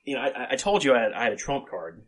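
A man hosting a podcast in casual chat, emphatic and halting, repeating himself and swearing freely. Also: mid-range voice, very animated, breathy edge. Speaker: podcast host.

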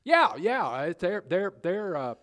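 An improv actor playing a bumbling Southern small-town mayor who stammers and fumbles through fillers while delivering bad news. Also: male voice, high-pitched, very animated, a little slow, fairly bright tone, heavily acted. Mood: sheepish. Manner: hesitant, stammering, full of fillers.

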